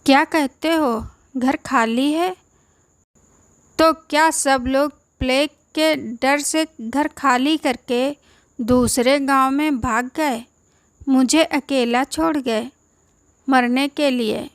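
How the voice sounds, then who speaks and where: A woman's voice: high-pitched, takes it slowly, no room sound. A woman voicing a frail old village man left behind by his family, pleading and bewildered. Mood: shocked.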